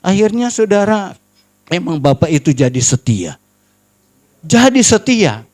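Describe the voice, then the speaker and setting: A middle-aged male pastor with a fairly high voice tells a story from his ministry in an earnest sermon. He keeps turning to the congregation as brothers and sisters and drops to a hushed tone when the story grows tense. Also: big pitch swings, a little slow. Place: church prayer service.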